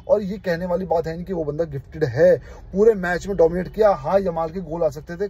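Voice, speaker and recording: Young guy from india ranting about his team in a vlog, kinda husky, mellow tone, fired up. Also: a little high. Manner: passionate, emphatic, keeps saying "brother". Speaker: football fan channel host. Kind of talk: casual opinion vlog.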